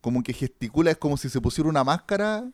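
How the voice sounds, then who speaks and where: Hombre chileno charlando, voz algo aguda. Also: male voice, a little high, expressive, quick pace, no room sound. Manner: rambling, slangy, fillers like cachai and weón. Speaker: podcast host. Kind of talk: casual chat reviewing a series.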